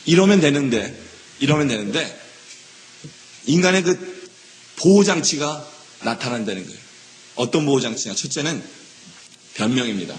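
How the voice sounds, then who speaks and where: A male pastor preaching from the pulpit at a middle pitch. He keeps repeating key words and checks in with his listeners. He slips into little acted voices for the excuses he quotes, over a faint hum of room noise. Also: expressive, normal speed, long pauses. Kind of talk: sermon. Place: church sanctuary.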